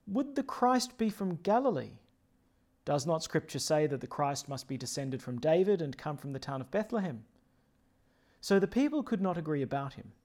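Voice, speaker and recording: A man's voice: fairly high pitch, darkish tone. Man reading scripture solemnly at Mass. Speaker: priest celebrating Mass. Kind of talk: liturgical scripture reading and homily.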